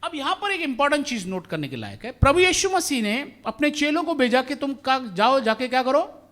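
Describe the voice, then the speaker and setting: A man's voice: extremely high pitch, brisk. A male pastor from India preaching a sermon in a church, mixing in English phrases and asking the congregation questions. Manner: animated, asks the congregation questions.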